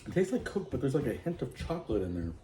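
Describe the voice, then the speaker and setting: A man's voice: medium pitch, sing-song, fast, warm tone, echoey room, a little hiss or hum. A man chatting casually during a food review, easygoing and chiming in with short remarks.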